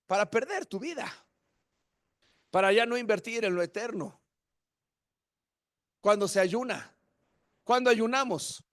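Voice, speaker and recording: A man preaching a sermon with passion, moving from hushed asides to shouted praise. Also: sits high, no room sound, studio quality. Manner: impassioned, swinging from hushed to shouted.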